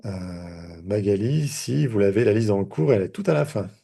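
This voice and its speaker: A man's voice: fairly low pitch, animated, moderate pace, creaky, mellow, breathy edge. A man, a therapist, teaching a live online lesson in a conversational way, with many fillers and restarts. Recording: video call audio.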